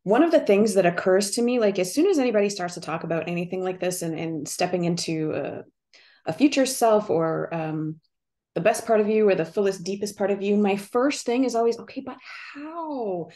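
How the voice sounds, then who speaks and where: A woman hosting a relaxed interview, talking in a friendly, affirming way. Her speech is loose and conversational, with small restarts. Her pitch sits in the middle. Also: fairly quick. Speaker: host. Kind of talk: casual interview chat.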